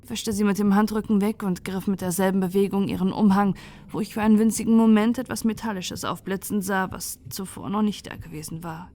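A woman narrating a sci-fi horror audiobook in a calm, soft, measured way for falling asleep. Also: mid-range voice.

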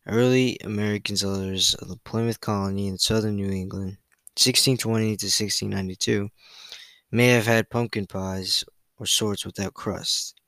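A man's voice: fairly low pitch, steady tone, normal speed, fairly bright tone, no echo, poor audio. A young man hosting a casual solo podcast, reading out facts in a loose, chatty way with fillers and self-corrections. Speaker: podcast host.

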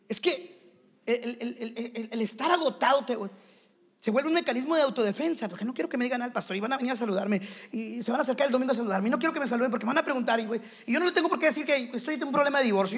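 A male pastor preaches with an unusually high voice. He is animated and slips into quick acted exchanges between people. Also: slightly rough. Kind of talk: sermon to church leaders.

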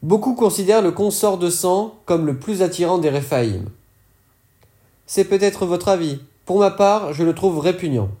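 A man's voice: sits high, expressive, moderate pace, dark tone, pitched above the performer's own voice. A man voicing a wily old male dealer who asks probing, insinuating questions. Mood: sly.

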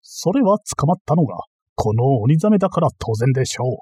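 A man's voice: medium pitch, sing-song, brisk, dark tone, slightly rough, dry recording. A man voicing a boastful, bumbling self-styled master thief in a dramatized period-novel reading, ranting and easily flustered. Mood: indignant.

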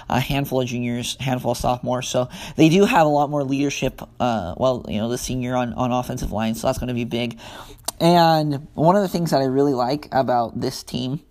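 A man's voice: medium pitch, darkish tone. A young American man hosting a casual solo sports talk, rambling through his thoughts with many fillers and restarts. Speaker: sports podcast host.

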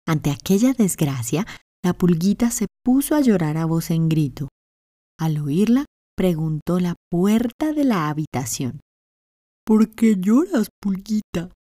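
A woman narrating a children's fairy tale in a gentle, expressive way. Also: lowish voice. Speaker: storyteller. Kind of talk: children's storytelling. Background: faint music.

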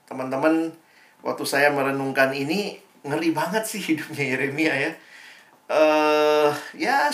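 A man's voice: medium pitch, a bit bright. A young man giving a casual devotional talk to a campus fellowship, chatty and informal, with slangy asides and tag questions. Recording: echoey room.

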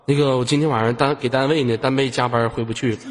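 A man's voice: medium pitch, steady tone, fast talker. A man hosting a live voice-chat room, teasing and playful as he banters. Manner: teasing, playful, laughs often. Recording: reverberant with loud background noise.

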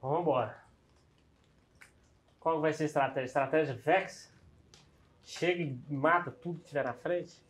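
A man talking as a player in a tabletop game, asking lively questions about plans. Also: on the high side, measured pace, long pauses. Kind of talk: casual tabletop game chat.

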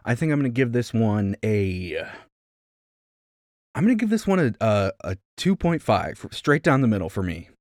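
A man co-hosting a casual beer review from Rochester, speaking in an easygoing, halting way with many fillers, his voice coming through robotic, low sample rate internet audio. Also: very animated, a little mellow, no echo, studio quality. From Rochester, New York. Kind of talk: casual chat. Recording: glitchy low-quality online call audio.

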